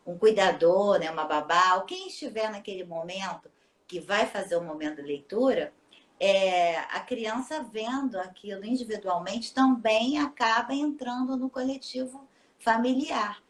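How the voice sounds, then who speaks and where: A woman teacher, patiently explaining in a casual live interview and often ending with tag questions. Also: mid-range voice. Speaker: teacher and children's book author.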